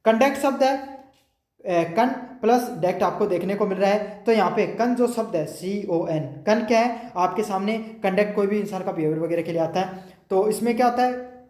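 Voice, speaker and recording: Echoey teacher explaining exam notes. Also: male voice, high-pitched, darkish tone. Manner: reads English notes slowly, then explains in quick chatty Hindi; keeps asking "समझ में आ गया?". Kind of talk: casual Hindi exam-prep lesson. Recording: echoey room.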